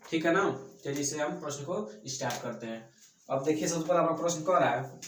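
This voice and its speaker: A man's voice: fairly high pitch, recorded from a distance, a little hiss or hum. Man teaching math in an echoey classroom. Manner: checks in with students after every step. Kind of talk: classroom lesson.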